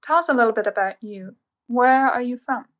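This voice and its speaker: A woman hosting a podcast, reading a smooth, even scripted introduction and asking interview questions. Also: fairly high pitch, fairly quick. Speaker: podcast host.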